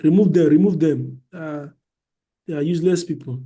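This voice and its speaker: Nigerian male webinar host, high voice, lively and jokey, computer mic. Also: normal speed. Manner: animated, joking, exclamatory. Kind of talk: online class chat.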